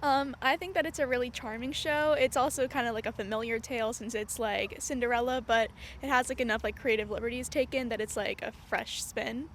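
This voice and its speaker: A woman from a theatre cast answers in a high voice, hesitant and full of fillers. A faint outdoor ambience hums behind her. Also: fairly even intonation, a little fast, hardly any pauses, a little hiss or hum. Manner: hesitant, full of 'um' and 'like'. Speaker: cast member. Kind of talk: casual interview answers.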